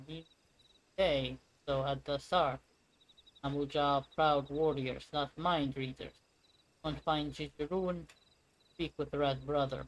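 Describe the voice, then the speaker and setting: A man's voice: a little high, lightly acted, poor audio. A man voicing a proud male lizard beastman warrior in broken speech, with a mock Russian accent, while reading a game aloud. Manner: broken speech, refers to self by name.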